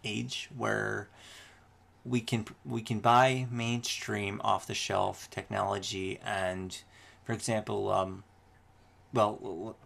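Gravelly man who trails off mid-sentence. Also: on the low side, little pitch movement, fairly bright tone. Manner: halting, trails off and leaves sentences unfinished. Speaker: podcast host being interviewed. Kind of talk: casual interview.

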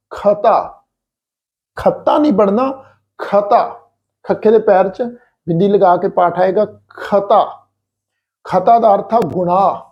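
A man from Punjab teaching scripture pronunciation in a patient, slow lesson, repeating each word carefully. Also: high-pitched. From Punjab, India. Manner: patient, repeats words slowly and deliberately. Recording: slightly dull lo-fi recording.

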